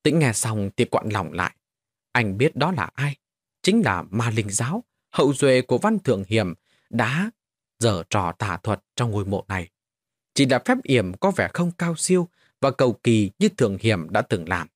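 A man narrating a scripted horror story with an expressive, lively delivery. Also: on the low side, normal speed, no room sound. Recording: dry voice over faint music.

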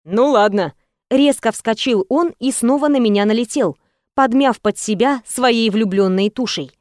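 A woman with a fairly high voice narrates a first-person romance audiobook. She reads softly and intimately and colors each scene with expression. The recording is close and dry, with no room sound. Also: moderate pace, dry recording. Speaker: audiobook reader.

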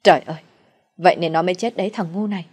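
A woman's voice: on the low side, steady tone, very fast, darkish tone, slightly rough, dry recording. A woman voicing a harsh old master of the house who scolds angrily. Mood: angry scolding.

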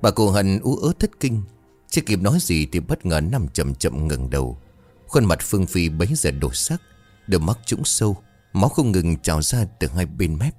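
A man narrating a scripted horror story in a dramatic, expressive way. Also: low-pitched, moderate pace, no echo, faint music behind.

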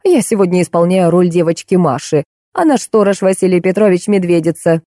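A woman's voice: on the low side, a little fast, warm tone, no echo, studio quality, natural voice. A woman reading an audiobook, voicing a big, commanding female gym teacher. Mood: explaining.

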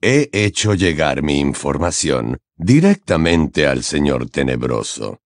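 A cold, calculating man who answers with calm sarcasm, as a man reads him. His voice is very deep and unhurried, with wide swings in pitch. An audiobook character voice with a dry, close sound. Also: no echo, exaggerated voice. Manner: slow, low and measured.

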